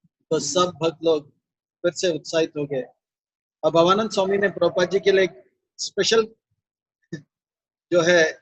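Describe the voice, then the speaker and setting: A man's voice: a little high, dry recording. Man telling a devotional story, dull sound. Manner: unhurried, pausing often with fillers. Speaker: monk storyteller.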